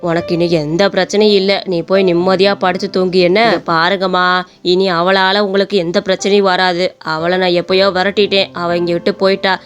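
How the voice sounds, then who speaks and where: Woman playing a deep-voiced old exorcist. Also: fairly quick, highs cut off, soft background music, natural voice. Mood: soothing. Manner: calm, firm, warning. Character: stern older male exorcist priest.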